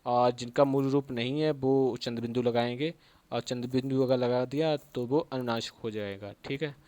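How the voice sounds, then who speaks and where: A man's voice: mid-range voice, steady tone, moderate pace, darkish tone, no room sound. Man teaching Sanskrit grammar, dry close sound. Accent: Hindi speaker from Uttar Pradesh. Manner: repeats key terms and checks in with "theek hai". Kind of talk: exam-prep grammar lecture.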